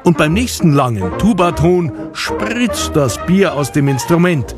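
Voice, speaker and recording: A man's voice: fairly high pitch, big pitch swings, measured pace. A man narrating a scripted children's story as the narrator. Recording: music behind the voice.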